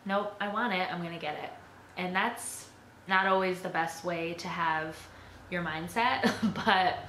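A young woman chats to her camera about herself, her voice bright and sharp while sitting a touch low. She rambles casually with plenty of "like" and "um". The room is echoey, with a faint hiss behind her. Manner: chatty, filler-heavy with frequent "like" and "um". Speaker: YouTuber. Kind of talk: casual tag video chat.

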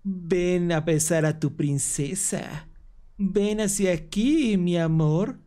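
A possessed young woman, as a man puts her on, calls her lover in a slow, syrupy, raised voice. She sounds sweet on the surface but eerie underneath. It is a horror game read-along. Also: sits high, warm tone. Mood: eerie coaxing.

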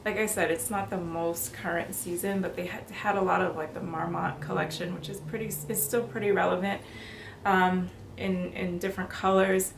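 A woman in her thirties chatting casually to camera in a room at home, bubbly and quick to laugh. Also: fairly low pitch, steady tone, creaky. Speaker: fashion vlogger. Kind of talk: casual haul chat. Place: bedroom or apartment, indoors. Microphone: camera on tripod, mid-distance. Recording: roomy, noisy indoor recording.

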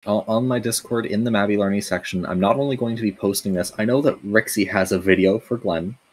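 A man hosting a casual gaming chat with friends, relaxed and chatty, laughing easily. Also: on the low side, fairly quick. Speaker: stream host.

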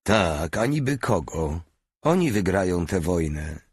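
A man's voice: deep voice, very animated, measured pace, slightly rough, no room sound, studio quality, heavily acted. A man reading as a childlike hulking soldier. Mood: pleading. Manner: talks of himself in the third person. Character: simple-minded hulking male soldier, childlike and fearful. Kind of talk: audiobook character reading.

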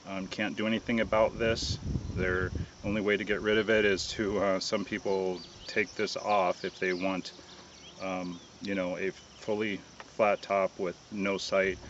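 A man giving a casual, relaxed product review outdoors, hesitant and full of ums and uhs. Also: deep voice, unhurried, lo-fi sound, slight background noise. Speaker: gun reviewer.

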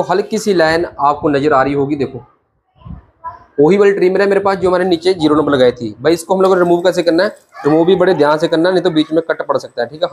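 A man's voice: fairly high pitch, a little mellow, breathy edge. A young man, a barber, teaching a haircut step by step to camera in a small shop, chatty and brotherly, speaking on a lapel mic. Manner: chatty, brotherly, keeps saying "theek hai". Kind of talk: hands-on tutorial talk to camera. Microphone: clip-on lapel mic.

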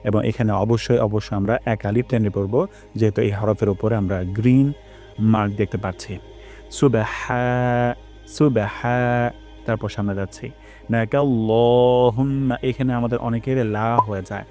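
A man leads a recitation lesson in an even, patient teaching voice. He stops often to chant short phrases slowly, drawing out the long vowels. Soft music sits faintly in the background. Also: on the low side. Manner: slow drawn-out chanting of Arabic phrases between calm explanations. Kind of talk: pronunciation lesson with recited examples.

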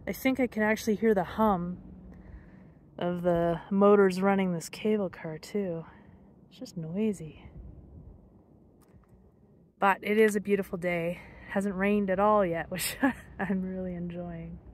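Holding her phone at arm's length on forested hillside trails, a middle-aged hiking vlogger talks in a relaxed, reflective way. She speaks low and unhurried, with fairly even intonation and long pauses, while background noise runs through the outdoor phone recording.

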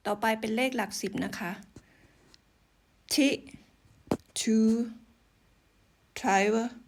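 A woman giving a casual language lesson, patiently saying number words slowly and repeating them for practice, with polite, gentle sentence endings. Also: a little high, steady tone, creaky, slight background noise. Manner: polite, uses soft sentence-end particles. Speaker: language teacher.

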